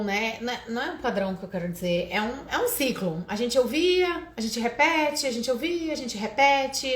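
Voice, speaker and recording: A woman with a Brazilian Portuguese accent talks through parenting advice in a loose, chatty monologue, often checking in with little tag questions. Her pitch sits in an ordinary middle range. The room gives her voice a noticeable echo. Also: slight background noise. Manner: conversational, frequent tag questions and restarts. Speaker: parenting podcast host. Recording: roomy echo.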